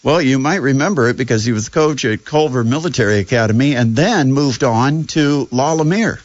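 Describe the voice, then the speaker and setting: A man's voice: mid-range voice, lively intonation, fairly quick, no echo, highs cut off. Chatty sarcastic man hosting sports radio. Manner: sarcastic, chatty, lots of fillers. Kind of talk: casual sports talk.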